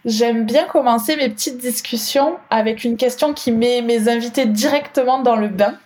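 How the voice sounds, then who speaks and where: A woman's voice: fairly high pitch, moderate pace, darkish tone. A French woman with a singsong southern accent, hosting a podcast, reading a scripted intro and then asking interview questions. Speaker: podcast host.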